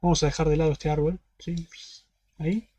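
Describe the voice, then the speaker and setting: A man with a fairly high voice and a Rioplatense Spanish accent, walking students through a problem in an online class. He goes step by step and keeps asking whether they follow. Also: flat delivery, a little fast, warm tone, dull audio, a little hiss or hum. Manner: step-by-step, constantly checking in with "¿sí?". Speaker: university teaching assistant.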